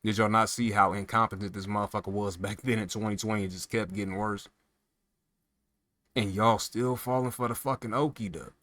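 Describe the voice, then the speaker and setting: A man's voice: fairly low pitch, steady tone, a little fast, fairly bright tone, no echo. A man delivering a profane, heated political rant, firing rhetorical questions at the listener. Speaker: political commentator.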